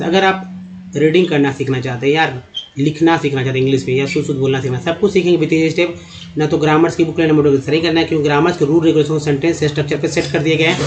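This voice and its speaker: A man teaching English pronunciation to viewers in Hindi, calling them friends and repeating sounds slowly to drill them. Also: fairly high pitch. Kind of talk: explaining to viewers. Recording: dull lo-fi sound.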